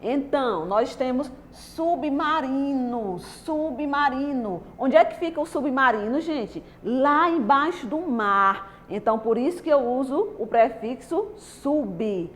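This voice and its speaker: A Brazilian woman teaching young children, her voice pitched fairly high and rising and falling in a very lively way. She explains slowly and patiently, asks the class questions and then answers them herself. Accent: Brazilian Portuguese. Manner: slow, patient, stretched-out explaining. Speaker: primary school teacher. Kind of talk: online lesson for young children.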